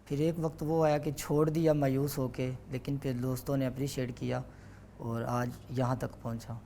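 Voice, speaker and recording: Young male guest mimic, relaxed storyteller, middle pitch. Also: creaky, a little hiss or hum. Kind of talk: casual interview chat.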